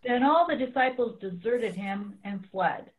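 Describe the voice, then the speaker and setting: A woman's voice: on the high side, lively intonation, unhurried. A woman reading scripture aloud as part of a church dramatic reading, in thin phone-like sound.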